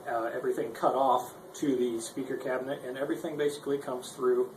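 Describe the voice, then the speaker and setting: The guitar tutorial host talks fast in a steady, medium-pitched voice, demonstrating his gear informally and off the cuff with rambling, self-deprecating chatter. Faint noise and echo fill the room.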